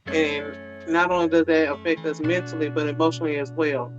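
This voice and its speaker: A man's voice: a little high, little pitch movement, a little fast, dull audio, music in the background. A man speaking earnestly in casual conversation, with fillers. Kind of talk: casual chat.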